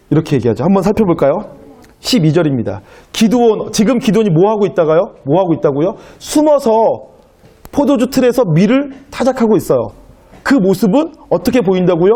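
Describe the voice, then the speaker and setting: A pastor with a high, mellow voice preaches a sermon, asking the congregation rhetorical questions and acting out biblical dialogue in quotes.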